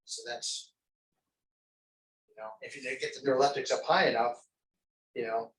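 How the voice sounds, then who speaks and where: Brief: male trainer lecturing a class, casual and rambling, bright voice, picked up from afar. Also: medium pitch, steady tone, normal speed. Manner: conversational, rambling, many fillers. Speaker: crisis intervention trainer. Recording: echoey training room, distant mic, faint noise.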